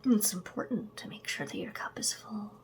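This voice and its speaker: Slow, soft ASMR affirmations are whispered directly to the listener by a woman with a mid-range voice. She's an ASMR creator who adds chatty asides and a light, gentle humor.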